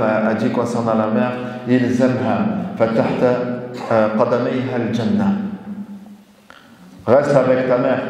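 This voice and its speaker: A man's voice: mid-range voice, a little mellow. A man who is an imam, giving a sermon that mixes French with recited Arabic verses and repeats key phrases for emphasis. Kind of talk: Friday sermon lecture. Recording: echoey hall, mic at a distance.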